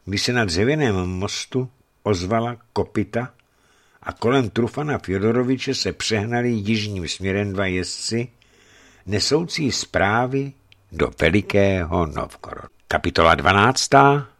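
A man narrating a novel as an audiobook, telling it in a dramatic, expressive way. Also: lowish voice.

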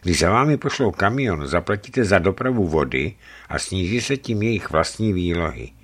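A man voicing a shrewd, gruff middle-aged ex-legionnaire trucker who talks bluntly and matter-of-factly. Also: low voice, animated, a bit bright, heavily acted. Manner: blunt, matter-of-fact bargaining.

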